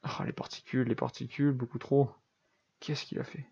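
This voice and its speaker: A man's voice: medium pitch, little pitch movement, a little fast, creaky, a little mellow, breathy edge, lo-fi sound. A young man giving casual, self-deprecating commentary over a building game, thinking aloud with lots of fillers. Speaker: gaming YouTuber.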